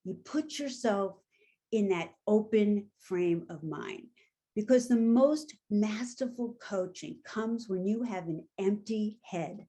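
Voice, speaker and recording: A woman with a New York accent, coaching in a gentle, measured and inviting way as she leads an instructional session. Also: mid-range voice. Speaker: coach leading a training session. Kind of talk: instructional talk and guided awareness exercise. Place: online video call.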